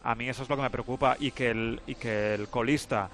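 Measured man in radio football talk. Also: medium pitch, fairly even intonation, fairly bright tone. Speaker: football commentator.

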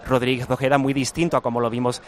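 A man's voice: medium pitch, fast talker. A man working as a field reporter, describing a street procession live as he walks along it. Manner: steady descriptive reporting with small restarts. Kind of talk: live event commentary. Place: outdoor city street among the procession.

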